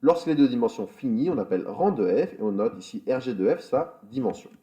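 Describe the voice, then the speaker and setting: Male math teacher, mellow tone, muffled recording, recorded lecture with fillers. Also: mid-range voice, expressive, a little fast. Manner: explanatory, with spoken fillers and self-corrections. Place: school in France.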